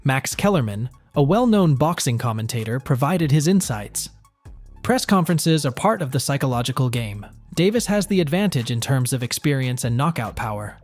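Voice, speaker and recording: A man's voice: mid-range voice, very animated, moderate pace, a little mellow, soft background music. A man narrating a scripted sports news report.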